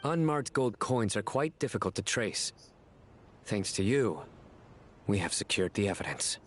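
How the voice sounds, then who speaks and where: Low, stern game commander. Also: male voice, animated, a little hiss or hum. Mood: stern, commanding. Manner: authoritative, clipped, deliberate. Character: stern, composed male law-enforcement commander. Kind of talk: video game voice acting. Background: loud music.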